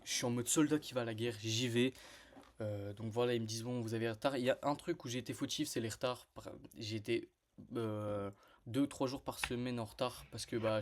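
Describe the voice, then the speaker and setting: Young man rambling through a slangy story. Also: medium pitch. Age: young adult. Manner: slangy, rambling, animated retelling with many fillers. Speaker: vlogger telling a personal story. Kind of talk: casual storytime to camera.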